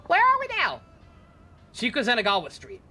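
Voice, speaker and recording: A woman's voice: fairly high pitch, huge pitch swings, normal speed, pushed and bright, faint music behind, pitched above the performer's own voice, exaggerated voice. A woman voicing a brash, bossy woman taxi passenger from out of town, with a put-on Southern drawl. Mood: suspicious. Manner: gruff, bossy, jokey.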